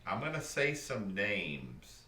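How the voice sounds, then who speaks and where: A man's voice: fairly low pitch, big pitch swings, slow, sharp tone. A man, a paranormal investigator, calling out repeated probing questions during a spirit box session. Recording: echoey room, heard from far off, with background noise.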